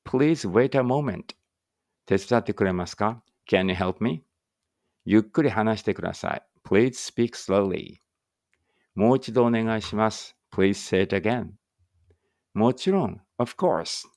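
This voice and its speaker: Recorded at studio quality without room sound, this English teacher's low, gravelly voice reads aloud a language drill with commentary. Each Japanese phrase is followed by its English version, delivered slowly and deliberately, and his explanations are relaxed and conversational.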